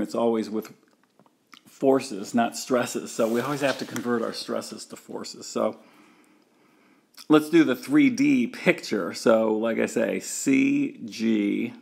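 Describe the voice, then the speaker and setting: Gravelly-voiced man lecturing slowly. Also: on the low side, darkish tone. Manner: thinks aloud with many fillers and restarts, walking through a diagram. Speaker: engineering lecturer. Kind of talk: recorded university lecture.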